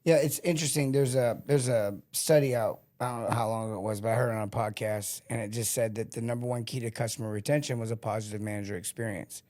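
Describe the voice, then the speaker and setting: Middle-aged male sales coach, lively storyteller, mid-range voice. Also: medium pitch, fast talker, few pauses. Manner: animated storyteller, acts out quotes. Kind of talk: casual podcast interview.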